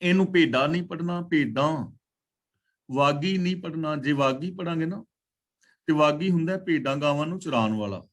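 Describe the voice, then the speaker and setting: Higher-voiced man teaching scripture. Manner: recites verses slowly, then explains words and their pronunciation. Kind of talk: religious lesson explaining scripture. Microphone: online class call.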